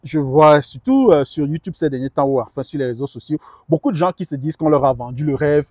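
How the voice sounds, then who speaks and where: With a slightly high, warm, animated voice and a somewhat fast pace, a middle-aged man speaks earnestly as a guest advisor in a conversational interview. He tends to repeat words while searching for the next one. The recording is dry and the studio sound clean.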